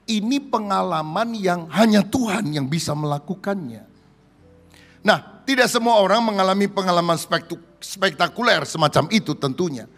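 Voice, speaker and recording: Gravelly-voiced preacher man in a reverberant hall. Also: high-pitched, moderate pace, fairly bright tone, faint music behind. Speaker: pastor. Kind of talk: sermon.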